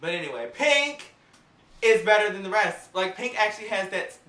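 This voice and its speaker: Sassy, animated woman vlogging in a roomy space. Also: mid-range voice, normal speed, far from the mic. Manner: sassy, animated and gossipy, acts out quotes. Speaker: vlogger reviewing an awards show. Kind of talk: casual chatty review. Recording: roomy, off-mic home recording.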